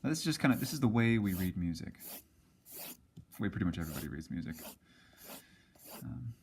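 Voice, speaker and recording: Low-voiced guy teaching music basics, lots of ums, casual and a bit halting. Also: sing-song, background noise. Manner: casual, hesitant with many ums and restarts. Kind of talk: whiteboard music lesson.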